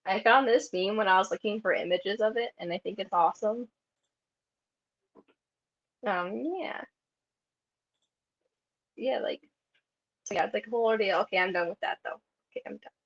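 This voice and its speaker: Chatty woman with a gravelly, fry-tinged voice. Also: medium pitch, moderate pace, long pauses, a bit bright. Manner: chatty, heavy use of "like" fillers. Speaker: convention panel presenter. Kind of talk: casual presentation. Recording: dull lo-fi recording.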